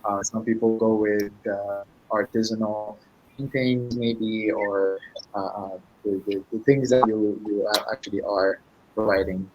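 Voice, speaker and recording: A man's voice: lowish voice, level tone, a little slow, muffled recording. A man hosting a casual conversational interview. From Syria. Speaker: interview host.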